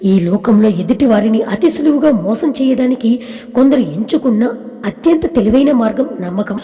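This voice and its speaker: A woman storyteller reading a scripted story in a steady, expressive way. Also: fairly high pitch, fairly quick. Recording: long hall reverb.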